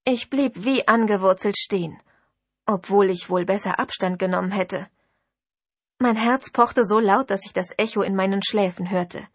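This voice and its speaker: Husky woman reading a novel. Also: medium pitch, moderate pace, dry recording. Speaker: audiobook narrator. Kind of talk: first-person novel narration.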